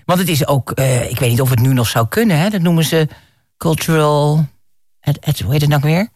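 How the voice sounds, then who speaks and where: A man hosting a casual chat about songs, telling stories with many pauses and restarts. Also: on the high side, darkish tone, no echo, studio quality. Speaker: radio host.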